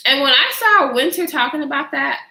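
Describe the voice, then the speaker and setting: Sassy woman vlogger, animated delivery, blunt takes, roomy echo. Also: high-pitched, brisk, creaky. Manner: blunt, sassy, laughs often. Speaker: vlogger reacting to viewer comments. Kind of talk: casual chatty commentary.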